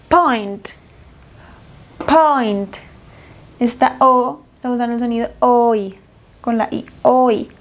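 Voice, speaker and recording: A woman with a slightly high voice teaches a pronunciation lesson at an unhurried pace. She says each word twice with care and then explains how its sound works. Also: darkish tone. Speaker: English teacher.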